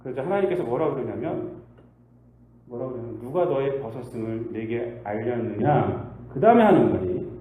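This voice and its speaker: A male pastor delivers a sermon in a warm, mellow voice that rises and falls in lively swoops. He keeps posing rhetorical questions, jumping from loud bursts to hushed asides. The recording carries the echo of a church sanctuary with a faint hiss. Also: mid-range voice, a little fast.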